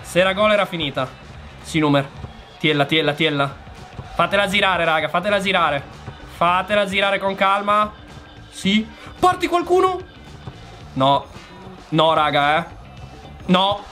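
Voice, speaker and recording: A young man commentating his own football game match, shouting and complaining at the referee. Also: sits high, a little slow, pauses often, faint music behind. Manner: shouting, exasperated outbursts at the referee. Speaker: gaming youtuber. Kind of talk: excited live game commentary.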